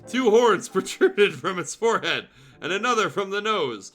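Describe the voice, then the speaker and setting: His pitch sits high and swings widely as he narrates fan fiction for his stream, keeping a moderate pace and a pushed, bright sound. The reading is dramatic but casual, dotted with asides and small self-corrections, while music plays underneath.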